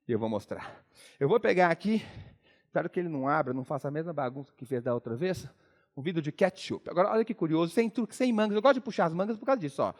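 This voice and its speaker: A man's voice: on the high side, animated, quick pace. A man from Minas Gerais with a mineiro Brazilian accent, giving a playful comic stage talk and teasing the audience with jokes. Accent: Minas Gerais Brazilian Portuguese. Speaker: motivational speaker.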